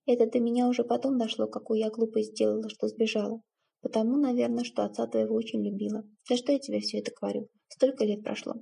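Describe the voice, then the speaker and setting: A guilt-ridden middle-aged stepmother, read by a woman in a spoken story, halting and tearful as she blames herself. The voice is raspy and creaky, fairly high, with a mellow warmth. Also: little pitch movement, exaggerated voice. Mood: guilty, tearful. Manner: tearful, halting, self-reproaching.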